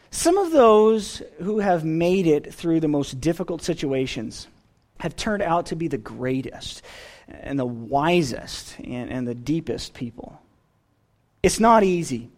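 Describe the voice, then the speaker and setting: This preacher's sermon is animated and expressive, and the pitch swings widely across each thought. The speaker sits at a middle pitch and often lets sentence endings drop to a soft, quiet finish. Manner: expressive, trailing off softly at phrase ends.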